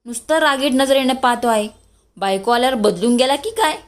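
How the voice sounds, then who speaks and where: A woman's voice: high-pitched, animated, a little fast. A woman voicing a jovial, teasing elder brother in a storybook reading.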